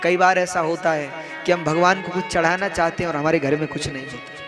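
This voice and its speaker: A young kathavachak, or religious storyteller, with a fairly high voice delivers a devotional katha sermon, asking rhetorical questions and calling his listeners "bhaiya." His intonation is fairly even and his pace a little fast. Instrumental devotional music plays clearly in the background beneath his words.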